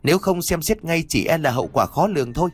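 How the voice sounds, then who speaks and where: A man's voice: fairly high pitch, animated, fast, husky, voice pushed up. A man doing a trembling poor young man. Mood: pleading. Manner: trembling, pleading.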